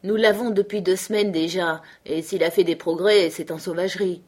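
A gruff, self-assured dog driver lays out his view with steady emphasis, as a woman reading aloud puts him on. It's an audiobook reading, the man slightly higher and louder than the narration around him. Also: normal speed, lightly acted. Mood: insistent. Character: male sled-dog driver, blunt, confident.

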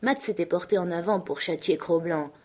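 Low-voiced woman reading a novel. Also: moderate pace, darkish tone, breathy edge. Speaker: narrator. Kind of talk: audiobook narration.

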